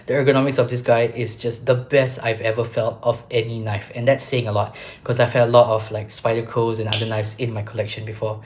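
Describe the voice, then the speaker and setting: A man with a cough hosting a casual knife vlog, halting with many fillers and clearing his throat often. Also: medium pitch, level tone, darkish tone. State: has a cough, throat a bit rough. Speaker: knife-collection vlog host. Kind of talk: casual product show-and-tell.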